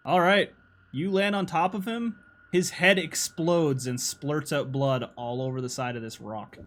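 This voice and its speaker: A man's voice: a little high, steady tone, measured pace, fairly bright tone. Male game master, casual and laughing, describes gore, faint background noise, streaming mic. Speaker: dungeon master. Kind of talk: running a tabletop game on stream. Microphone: streaming microphone.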